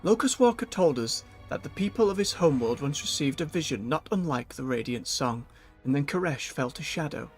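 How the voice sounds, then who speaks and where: A man streaming a fantasy game, giving chatty, animated commentary with quick asides. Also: on the high side, faint music behind. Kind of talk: casual live-stream commentary.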